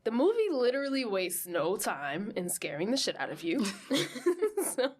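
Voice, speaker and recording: A woman co-hosting a podcast in casual chat, animated and laughing, swearing freely and acting out quotes. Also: mid-range voice, moderate pace. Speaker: podcast co-host.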